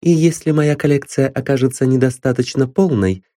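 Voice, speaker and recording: A man reading an audiobook, voicing a calm, cool-headed young woman detective who speaks softly and politely. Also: medium pitch, fairly quick, no echo, clean studio sound, voice pushed up, close to an everyday voice. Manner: soft, calm and composed.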